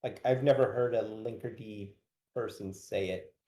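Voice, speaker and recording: Man, mellow dark tone, echoey room, casual explainer with lots of "like". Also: lowish voice, fairly even intonation, moderate pace. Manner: hedging with fillers like "like". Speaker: guest expert.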